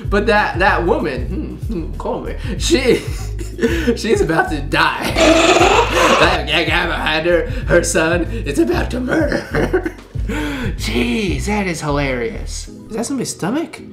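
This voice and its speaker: A woman's voice: lowish voice, very animated, takes it slowly, over music. A woman vlogger doing giggly, rambling reaction commentary.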